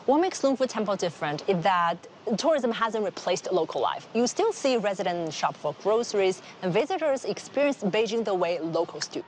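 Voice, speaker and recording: A woman's voice: medium pitch, big pitch swings, moderate pace, darkish tone, slight background noise. A woman interviewee speaking outdoors in an explanatory, enthusiastic way. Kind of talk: interview soundbite.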